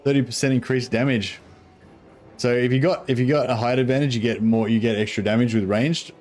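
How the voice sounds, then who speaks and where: A man's voice: medium pitch, steady tone, a little fast, a little mellow, soft background music. A man with a broad New Zealand accent giving casual gameplay commentary in a laid-back, sweary, rambling way. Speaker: gaming streamer.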